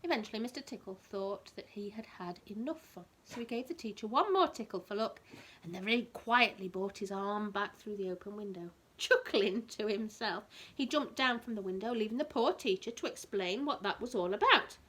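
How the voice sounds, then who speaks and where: In a slightly bright, mid-range voice and at a fairly quick pace, a woman gives an animated storybook reading to a young child. She adds teacher-like asides that explain words simply.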